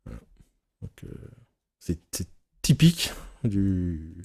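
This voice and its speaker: A man leading a casual teaching session for therapists, frank and animated, swearing casually and acting out his examples. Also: low voice, slow, vocal fry, breathy edge. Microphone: recorded live session, on YouTube.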